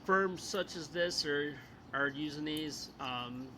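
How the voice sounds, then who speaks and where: A man's voice: on the high side, takes it slowly, pushed and bright, slight background noise, poor audio. A man co-hosting a podcast, explaining things in a rambling casual way, laughing often and losing his place. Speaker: podcast co-host. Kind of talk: casual chat.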